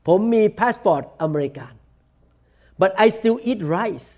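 A man's voice: sits high, expressive, a little mellow. Thai-accented man preaching a bilingual sermon. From Thailand. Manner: preaches each point in English then repeats it in Thai; slow, deliberate English, rapid Thai. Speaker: pastor. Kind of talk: bilingual sermon, self-translating.

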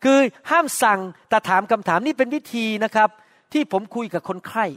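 A man's voice: sits high, expressive, a little fast, fairly bright tone, no room sound, clean studio sound, in a large hall. A middle-aged man preaching a sermon, earnest, acting out short quoted exchanges. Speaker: pastor.

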